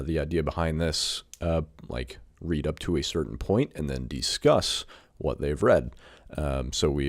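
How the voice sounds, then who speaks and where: A man's voice: rumbling low, darkish tone, dry recording, clean studio sound. A man hosting casual first-impressions video game commentary, talking informally as if thinking aloud. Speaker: video game review host. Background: music.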